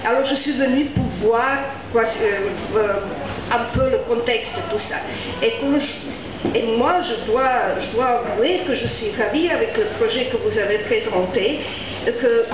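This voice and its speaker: A woman speaking French as a second language with a foreign accent, haltingly searching for words as she addresses a public meeting. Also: fairly high pitch, a crowd in the background. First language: not French. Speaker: local property owner at a public meeting. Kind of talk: hesitant spontaneous remarks at a meeting. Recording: very echoey hall, muffled, people around.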